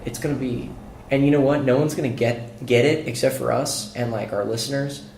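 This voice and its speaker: A man's voice: medium pitch, fairly even intonation, a little fast, vocal fry, darkish tone. A young man co-hosting a gaming podcast, joking and calling out what he sees in the game as he plays. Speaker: podcast co-host playing a video game. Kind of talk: casual gaming commentary. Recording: echoey room with faint noise.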